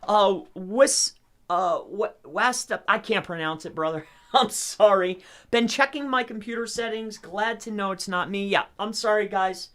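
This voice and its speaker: A man's voice: sits high, unhurried, fairly bright tone. A man hosting a casual live tutorial, chatting on nonstop and informally addressing his viewers as he goes. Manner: rambling, chatty, talking on nonstop. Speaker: host of an SEO tutorial livestream.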